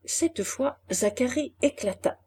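Slow, husky-voiced woman reading a novel. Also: high voice, expressive, dark tone. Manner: measured, deliberate reading. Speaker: audiobook reader. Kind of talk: scripted literary narration.

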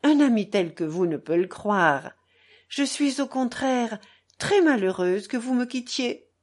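A woman's voice: fairly high pitch, expressive. A woman reading aloud, voicing an emotional, fervent young society woman in a pleading manner. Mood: effusive. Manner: emotional, pleading, quick shifts.

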